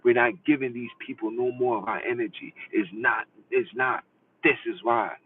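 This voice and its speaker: A man's voice: medium pitch, steady tone, moderate pace, husky. A man hosting a podcast in an impassioned monologue, emphatic and repetitive, preaching his points over and over. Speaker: podcast host. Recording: distant tinny phone-like audio with faint noise.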